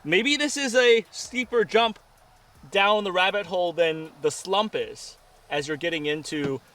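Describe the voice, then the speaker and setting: Higher-voiced man, off-mic, chatting outdoors. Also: unhurried, pushed and bright. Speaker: firearms review host. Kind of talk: casual chat, gun review. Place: outdoor shooting range. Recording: distant mic, faint outdoor noise.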